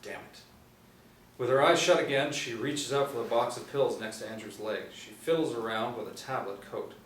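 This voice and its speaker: Seated at a table read in a small indoor room, the middle-aged narrator reads out screenplay action in a medium-pitched, slightly bright voice at normal speed. The distant mic picks up a roomy sound and noisy ambience.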